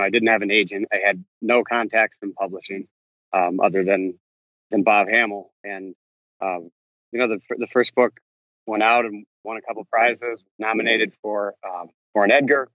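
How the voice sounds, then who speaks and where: This lowish, slightly bright male voice belongs to a novelist being interviewed as he paces a campus outdoors. His answers come haltingly, full of restarts and self-corrections, and the recording is dry and lo-fi.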